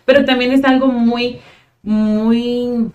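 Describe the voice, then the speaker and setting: A Mexican psychologist in her thirties chats casually as a podcast guest, speaking expressively with plenty of fillers in a Mexican Spanish accent. Her voice is fairly high, darkish and fairly even in intonation, and she talks slowly. The audio sounds dull.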